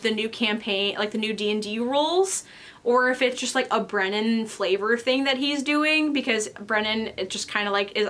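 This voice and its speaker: A woman's voice: medium pitch, sharp tone, a little hiss or hum. A tired young woman hosting a knitting podcast, chatting casually and rambling with lots of fillers, recorded at home. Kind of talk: casual chat.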